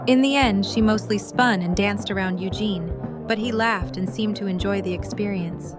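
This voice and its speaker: A woman with a mid-range voice narrates a scripted story for an audio drama at a moderate pace. Music runs underneath, along with party chatter and crowd noise in the background.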